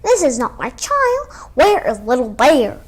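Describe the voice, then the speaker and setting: A woman's voice: high-pitched, wildly swooping pitch, unhurried, breathy edge, exaggerated voice. A young girl voicing a protective mother bear in a storybook. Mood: startled. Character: mother bear, adult female, protective of her cub.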